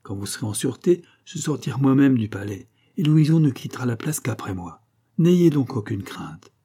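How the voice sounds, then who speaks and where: A man voicing a bold sea captain who speaks in a steady, earnest, reassuring way in a storybook reading. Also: mid-range voice, moderate pace, husky.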